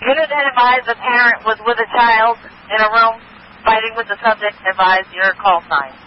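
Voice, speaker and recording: A man's voice: very high voice, fairly even intonation, normal speed. A man working as a police dispatcher, heard over a radio scanner, giving terse, clipped radio codes. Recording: tinny radio with heavy static.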